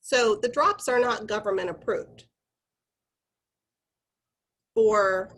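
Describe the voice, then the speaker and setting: This woman's medium-pitched voice is a bit bright, slightly rough, and a little slow. In an informal corporate training, she explains guidelines to her group directly, in a chatty, teaching style.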